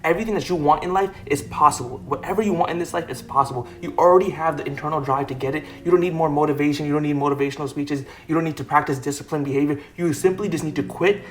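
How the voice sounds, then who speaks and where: Fast-talking young man, blunt and profane. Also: a little high, fairly bright tone. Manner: fast, profane, emphatic, full of fillers like "like" and "right". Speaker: self-improvement video host. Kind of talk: blunt motivational talk to camera. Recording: faint music underneath.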